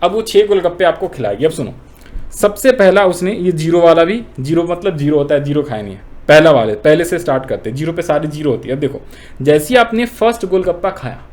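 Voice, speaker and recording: A man's voice: sits high, darkish tone. A man teaching an online economics lecture, explaining step by step and asking and answering his own questions.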